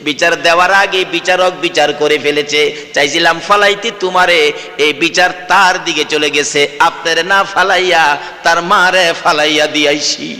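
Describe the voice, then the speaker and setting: A man's voice: steady tone, normal speed. Fervent preacher man in hall echo. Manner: fervent, swings from shouting to low storytelling, sometimes chanted. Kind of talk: Bengali waz sermon.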